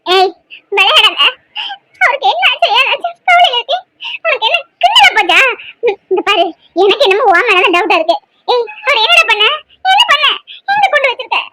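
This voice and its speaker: A woman's voice: very high voice, big pitch swings, fairly quick, very noisy. A woman voicing a young newly married woman in a cartoon, frantic and tearful, pleading and scolding by turns. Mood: angry, suspicious.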